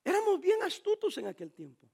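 Brief: middle-aged pastor, playful preacher, unusually high voice for a man. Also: wildly swooping pitch, a little fast, vocal fry, warm tone. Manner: jokey, storytelling preacher, playful. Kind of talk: sermon.

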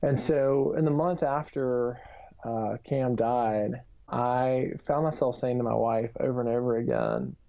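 A man's voice: medium pitch, measured pace, vocal fry, mellow. A man in his thirties gives an earnest, reflective personal testimony in an interview, with frequent fillers. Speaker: author and youth minister. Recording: dull lo-fi recording.

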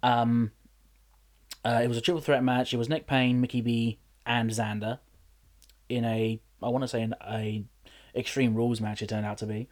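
Here a wrestler who also works as a general manager chats casually on a podcast at a normal speed, his voice sitting in the mid range. His storytelling is lively and full of false starts.

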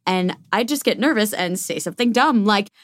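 A woman's voice: mid-range voice, animated, moderate pace, dry recording, studio quality, lightly acted. A woman playing an anxious rambling diarist. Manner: rambling, self-deprecating. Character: anxious, self-doubting young woman writing in her diary. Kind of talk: comedy audio drama.

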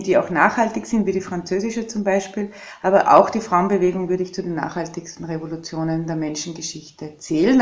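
A woman in her fifties with an Austrian German accent talks through her ideas slowly and reflectively. Her voice sits in a middle register. The recording carries a noticeable room echo. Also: medium pitch, darkish tone, lo-fi sound. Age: 50s. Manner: reflective, measured, thinks aloud. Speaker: podcast guest, activist. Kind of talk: podcast conversation.

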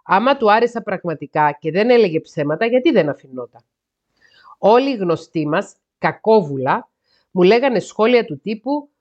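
Lively woman podcast host. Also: mid-range voice, muffled recording. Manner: sarcastic asides between read passages. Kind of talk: reading a listener's letter aloud with commentary.

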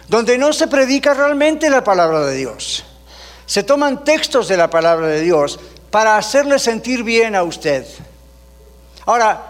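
A middle-aged male pastor preaching a sermon, earnest and emphatic, asking the congregation direct questions. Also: high voice. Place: church.

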